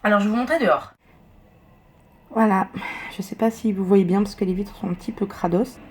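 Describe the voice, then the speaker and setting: A woman's voice: mid-range voice, fairly quick, slight background noise. A woman chatting casually as a vlogger, rambling with lots of fillers, filmed on a handheld camera at home and out walking. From Turkish family. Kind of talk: casual vlog chat. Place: home and outdoors, on the move.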